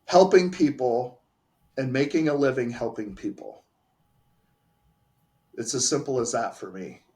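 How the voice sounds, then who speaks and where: A man's voice: mid-range voice, unhurried, a little mellow. A man, a pharmacy owner, giving candid and emphatic answers in a casual interview. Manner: candid, emphatic, restarts phrases.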